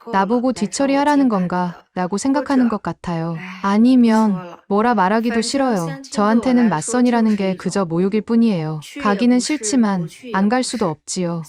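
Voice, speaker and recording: A woman in her thirties speaks in a plaintive, reflective way. Her pitch is mid-range, and a crowd is clearly audible behind her. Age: 30s. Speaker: interviewee.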